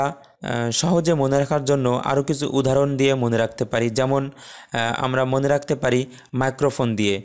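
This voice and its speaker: Man teaching Arabic letters slowly. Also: medium pitch. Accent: Bangladeshi Bengali. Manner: slow, drawn-out letter pronunciations between plain explanation. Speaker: Quran recitation teacher. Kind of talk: explanatory lesson.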